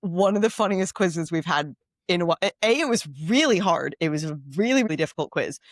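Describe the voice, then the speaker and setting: A woman with a cold co-hosts a podcast in easygoing chat, her voice pitched on the low side. She is talkative and laughs easily, often repeating a phrase back. The sound is close and dry, with no room around it. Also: animated, brisk, no echo. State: has a cold. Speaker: podcast co-host.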